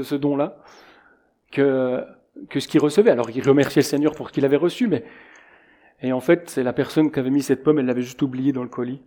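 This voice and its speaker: A man's voice: medium pitch, mellow. A middle-aged man preaching a sermon in a conversational way, illustrating his points with anecdotes.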